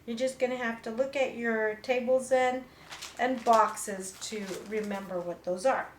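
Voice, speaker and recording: Slow, high-voiced woman lecturing. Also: steady tone, roomy sound, a little hiss or hum, rough recording. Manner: slow, halting explanation with many fillers. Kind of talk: recorded classroom lecture.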